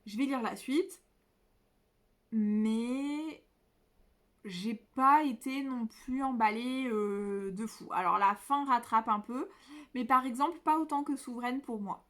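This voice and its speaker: A woman's voice: a little high, slow pace, a bit bright. A young woman chatting casually about books she read, hesitant with many fillers and restarts. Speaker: book vlogger. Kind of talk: casual book review. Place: indoors at home by a window.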